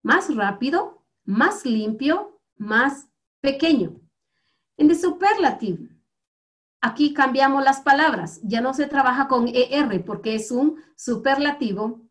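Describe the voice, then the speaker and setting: A woman with a Guatemalan Spanish accent teaches an English lesson to young students. Her voice sits high, and she speaks slowly and patiently, repeating each word so the class can follow. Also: expressive. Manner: slow, patient, repeats words for students to copy.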